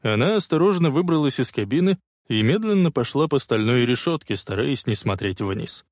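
A man narrating an audiobook with expressive storytelling delivery. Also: medium pitch, normal speed, no room sound, clean studio sound. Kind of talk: dramatic audiobook reading.

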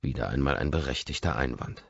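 A man's voice: very deep voice, quick pace, gravelly, breathy edge, no room sound, highs cut off. A man narrating a first-person audiobook, with a brooding inner-monologue manner.

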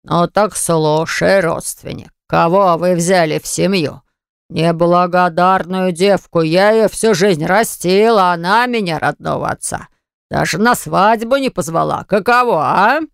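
A woman voicing a drunk, spiteful middle-aged father who drawls slowly and mockingly in a nasal voice, with a gravelly edge. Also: fairly low pitch, no room sound, studio quality. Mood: belligerent.

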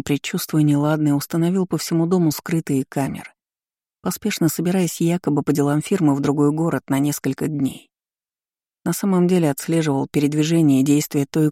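A woman's voice: low voice, warm tone, no echo. Brief: woman audiobook narrator, dramatic reading, dry studio sound. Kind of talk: scripted story narration.

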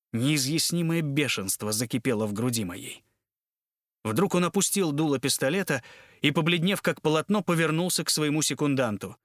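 A man reading a classic novel aloud in a measured, dramatic way. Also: mid-range voice, a bit bright, no echo, studio quality. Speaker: audiobook narrator. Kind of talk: literary audiobook narration.

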